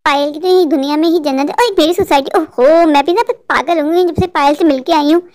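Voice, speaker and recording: A woman's voice: high voice, a little fast, a little mellow, lightly acted. A woman voicing a discontented young wife in a cartoon dub, complaining bitterly about her poor life. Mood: grumbling.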